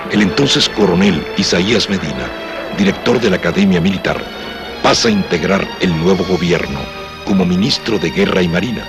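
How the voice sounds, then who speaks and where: A man delivers scripted documentary narration in a low, deep register. He speaks as the narrator of a historical film, with music playing clearly behind him.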